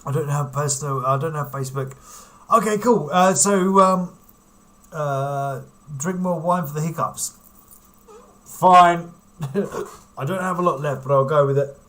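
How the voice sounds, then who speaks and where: A man's voice: a little high, a little slow, pauses often, fairly bright tone. A man hosting a casual livestream, rambling and giggling as he chats with viewers. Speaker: livestream host.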